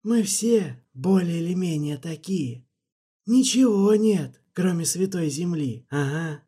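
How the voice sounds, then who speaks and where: A man doing a husky, sardonic warrior. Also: sits high, lively intonation, slow pace, mellow, pitched above the performer's own voice, heavily acted. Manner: grinning, sardonic, rough. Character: gruff, sardonic male soldier-ally.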